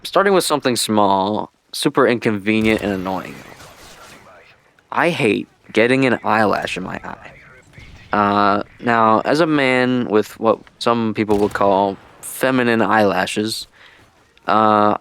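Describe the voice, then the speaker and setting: Speaking unhurriedly in a smooth, fairly bright voice on the low side, a man offers casual gaming vlog commentary that rambles along. He's a video creator and streamer, and his headset-style mic gives an intentionally old-school sound.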